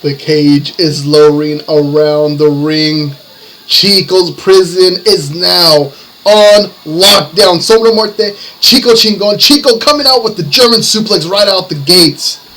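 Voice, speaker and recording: Higher-voiced man announcing lucha libre. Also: a little slow, bright, forceful tone, low-quality recording. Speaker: lucha libre wrestling announcer, play-by-play commentator. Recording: music behind the commentary. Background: music.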